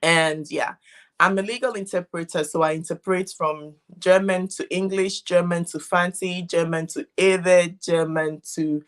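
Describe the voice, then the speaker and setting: A woman's voice: lowish voice, fairly even intonation. A middle-aged woman from Ghana, a legal interpreter explaining things as a guest on a live video call. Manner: explanatory, unhurried with frequent restarts. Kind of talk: casual interview. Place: home in Germany.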